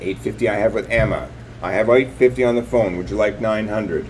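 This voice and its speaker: A man's voice: fairly low pitch, fairly quick, a little hiss or hum. A man working as a live auctioneer, calling bids and increments in repetitive, clipped patter.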